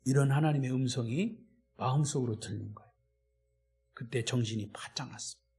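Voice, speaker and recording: A male pastor preaching a sermon in a church. He swings between loud, emphatic declarations and hushed storytelling. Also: mid-range voice, fairly quick.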